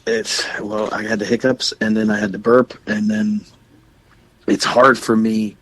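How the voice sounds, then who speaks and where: A man's voice: fairly low pitch, husky, no echo, rough recording. A young man co-hosting a wrestling podcast, talking casually and rambling with many restarts. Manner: plugs shows and websites. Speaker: podcast co-host. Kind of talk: casual chat.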